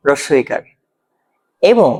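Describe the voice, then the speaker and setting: A man's voice: a little high, sing-song, takes it slowly, mellow, slightly rough. A man with a Bangladeshi Bengali accent teaching an exam-prep grammar lesson, explaining step by step and often checking if the learner follows.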